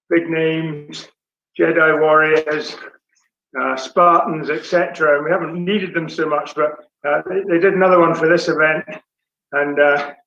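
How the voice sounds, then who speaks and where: A man with a fairly high voice, hosting a livestream and teasing his guests. He laughs easily as he goes. The sound is roomy and muffled. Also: a bit bright. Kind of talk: casual chat. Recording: muffled echoey room.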